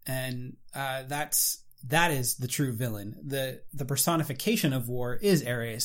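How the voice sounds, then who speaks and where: A man in casual conversation reviewing a movie, animated and full of fillers and restarts. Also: mid-range voice.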